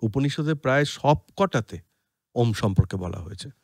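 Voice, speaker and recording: A man with a Bengali accent giving an explanatory spiritual talk, chanting Sanskrit verses slowly and deliberately. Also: mid-range voice, expressive, no room sound, clean studio sound. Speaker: podcast speaker on scripture.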